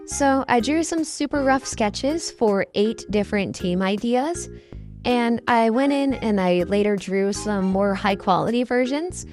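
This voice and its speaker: A woman's voice: on the high side, measured pace, darkish tone, soft background music. A young woman with her voice run through a voice changer, giving casual, unscripted, self-deprecating video commentary in an informal way. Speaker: host, hobby artist.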